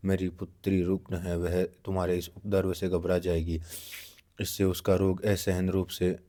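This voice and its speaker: An aging scholar father voiced by a man pleads earnestly in a deep, mellow voice. His speech stays even and level in this storybook reading. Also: moderate pace, natural voice. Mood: pleading.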